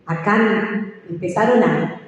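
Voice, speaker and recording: A woman pastor preaching a sermon, telling stories in an animated way. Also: mid-range voice, slow. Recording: echoey hall from far off, dull.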